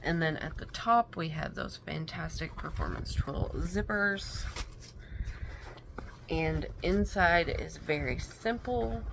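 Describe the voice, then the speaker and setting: A woman talking unhurriedly through a product haul in a low voice. Her tone is folksy and chatty, with a faint hiss in the background. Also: vocal fry, fairly bright tone. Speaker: vlogger.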